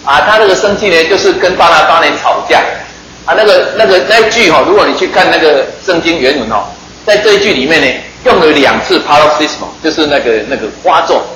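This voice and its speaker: A man's voice: on the high side, quick pace, echoey room, noisy background. A man preaching a sermon in a chatty, joking way, often putting questions to his listeners.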